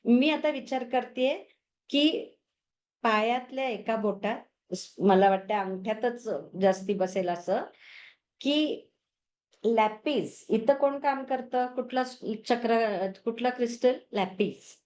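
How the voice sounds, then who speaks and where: A woman with a slightly high voice teaches crystal healing. She chats as she goes, telling stories about clients and mixing English words into her speech. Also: slow pace, darkish tone. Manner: chatty storytelling, mixes English words. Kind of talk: lesson.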